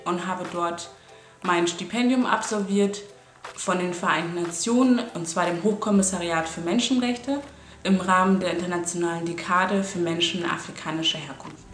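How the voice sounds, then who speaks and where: Calm woman with an echoey low voice. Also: moderate pace. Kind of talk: short self-introduction. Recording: echoey with soft music behind.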